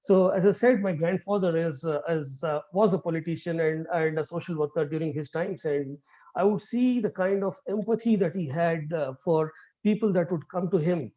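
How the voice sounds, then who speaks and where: Rich: A middle-aged man speaks quickly over a video call, his mellow voice coming through dull and lo-fi. He talks earnestly with plenty of fillers and restarts, like a guest lecturer. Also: on the high side. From India. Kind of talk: online lecture.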